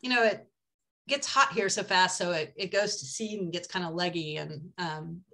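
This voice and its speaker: A woman's voice: fairly low pitch, normal speed, pushed and bright. Chatty older woman on a video call. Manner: chatty and enthusiastic, frequent ums. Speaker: foraging guide. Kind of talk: casual presentation over slides. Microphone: webcam on a video call.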